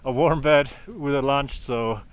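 A male rider giving short, relaxed answers to the host. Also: medium pitch, a little slow, clear, resonant tone. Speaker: race rider. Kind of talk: casual chat.

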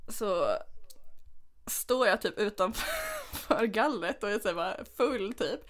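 A young woman co-hosting a casual podcast, telling an animated story and often laughing as she talks. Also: medium pitch. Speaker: podcast co-host.

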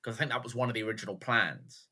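A man co-hosting a podcast, chatting casually about films in an animated, rambling way. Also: lowish voice, rapid-fire, husky. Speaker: podcast co-host. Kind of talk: casual film chat.

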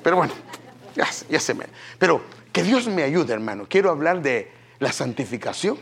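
A man's voice: on the high side, normal speed, vocal fry. A man preaching a sermon, jumping between joking asides to the congregation and earnest teaching. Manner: animated, humorous asides to the congregation.

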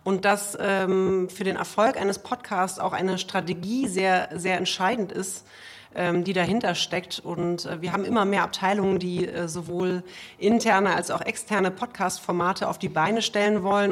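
A woman with a mid-range voice speaks as an interview guest. Her delivery is conversational and explanatory. The sound is that of a low-quality online audio stream. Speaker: podcast PR specialist, guest.

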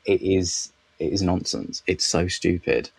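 Podcast guest critic, male, very low voice, dry close sound, wry and halting. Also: vocal fry, breathy edge, no echo. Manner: enthusiastic, wry, halting with restarts. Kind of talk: casual podcast chat.

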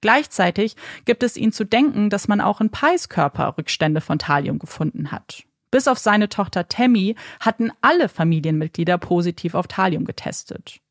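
A woman narrates a true crime story in a measured, dramatic way. Her voice carries a gravelly edge at a middling pitch. The sound is close and dry, with no room around it. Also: expressive, no room sound. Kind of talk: scripted narration.

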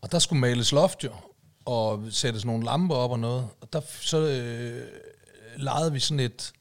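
A man co-hosting a casual podcast chat, telling long stories full of fillers. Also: mid-range voice. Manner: rambling storyteller, many fillers and "du ved, ikke?". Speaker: podcast co-host.

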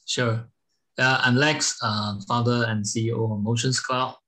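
A man from Malaysia is being interviewed on a podcast about the company he founded. His voice is slightly husky and stays level and flat in pitch. He pauses often and fills the gaps with "uh" as he works through his answers. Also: rough recording. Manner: halting, many fillers, non-native phrasing. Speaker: guest, startup founder and CEO.

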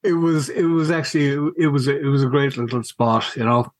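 A middle-aged man, reminiscing casually in a halting, wry way and repeating words as he goes. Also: medium pitch, dry recording. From County Mayo, Ireland. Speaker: podcast guest, school alumnus.

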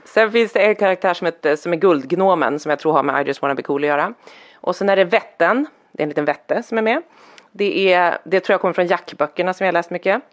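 A woman co-hosting a chat over a video call, telling a family story and acting out the quoted voices. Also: on the low side. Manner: acts out quoted voices, animated. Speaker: podcast co-host. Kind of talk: casual chat, lively storytelling.

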